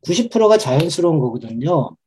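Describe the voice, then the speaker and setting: A man speaking as a parenting expert to a live audience of mothers, explaining in a lively way and acting out inner voices. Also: a little high, a little fast, a little hiss or hum. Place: talk event with live audience.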